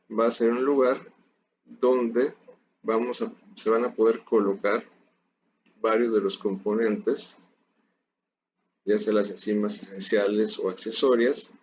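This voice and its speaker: A man's voice: fairly low pitch, a little mellow. A man giving a recorded university lecture, explaining steadily and speaking directly to his students. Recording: dull lo-fi audio with faint noise.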